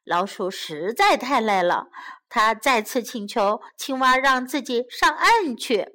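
A woman narrating a bilingual children's story and teaching simple English sentences. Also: fairly high pitch. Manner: slow, clear, expressive.

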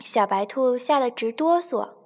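Slow, high-voiced woman telling a bedtime story. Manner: slow, gentle, expressive.

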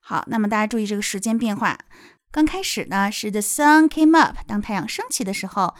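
A young woman teacher explaining a picture book line by line, with lively rises in her voice. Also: mid-range voice, a little fast, dry recording, studio quality. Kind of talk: picture-book reading lesson.

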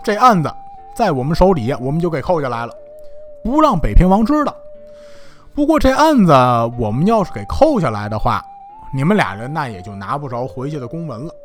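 A man's voice: fairly high pitch, sing-song, brisk, soft background music, pitched below the performer's own voice. A man voicing a shrewd, suspicious male official, pressing hard with questions. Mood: explaining. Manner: pressing, interrogating.

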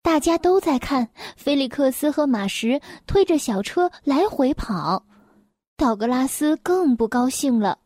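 A woman reading a children's picture book aloud, gentle, clear and expressive. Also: sits high, a little slow, no room sound, studio quality. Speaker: storyteller.

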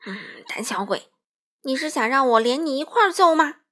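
A woman's voice: on the high side, expressive, moderate pace, a bit bright. A woman voicing a smug, bossy male wolf who bullies and threatens. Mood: bossy sneering. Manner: sneering, threatening.

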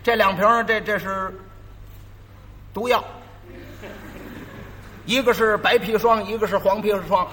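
A man playing an irritable, stingy shopkeeper who scolds in sharp bursts. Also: high-pitched, steady tone, a little slow, pauses often, long reverb tail, a little hiss or hum. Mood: warning.

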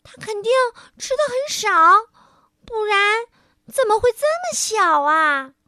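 A woman's voice: very high voice, sing-song, measured pace, bright, forceful tone, no room sound, studio quality, voice pushed up, exaggerated voice. A woman voicing a careless little girl who squeals and gushes. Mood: gushing. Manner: squealing, gushing.

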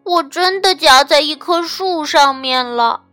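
A woman's voice: sits high, measured pace, pushed and bright, no echo, soft background music, voice pushed up. A woman voicing a cheeky, pleading boy elephant. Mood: complaining. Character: mischievous male checkered elephant. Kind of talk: storybook reading.

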